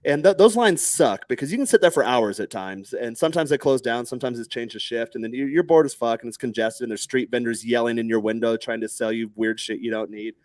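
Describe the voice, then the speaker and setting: Brief: man in his thirties from Texas, animated storyteller in a rapid, dry-sounding podcast chat. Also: mid-range voice, no room sound. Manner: animated, acts out other people's lines in raised voices, swears freely.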